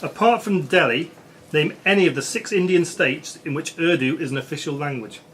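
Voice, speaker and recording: The quiz master here is a man with a brisk, fairly bright voice on the high side, reading out questions at a live quiz. He's in a social club room full of background noise, captured in a noisy recording.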